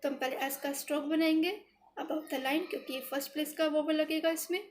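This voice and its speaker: A woman gives a step-by-step shorthand tutorial, thinking aloud while writing and patiently repeating herself, with English words in an Indian accent. Her high-pitched voice is a little mellow, fairly quick, with fairly even intonation.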